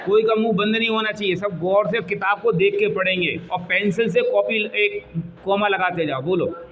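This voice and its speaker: High-voiced man teaching in an echoey hall. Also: crowd noise. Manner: coaxing and scolding students, recites slowly syllable by syllable. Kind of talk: classroom lesson, leading recitation. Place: classroom hall with students. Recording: dull echoey hall, students audible.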